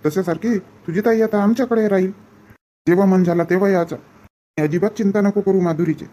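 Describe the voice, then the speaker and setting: Brief: a man playing a gentle village father, mellow husky voice, soothing repetitions. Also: sits high, brisk, low-quality recording. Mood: pleading. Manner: soft, pleading, repeats comforting phrases. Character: rural father and relatives at a daughter's farewell, tender. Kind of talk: village comedy skit acting.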